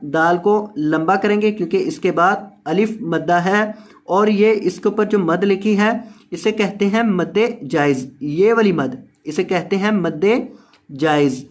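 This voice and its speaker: Slow, patient male recitation teacher. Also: sits high. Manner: drills each word slowly, repeating and correcting mispronunciations; melodic slow chanted recitation. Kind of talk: word-by-word tajweed lesson.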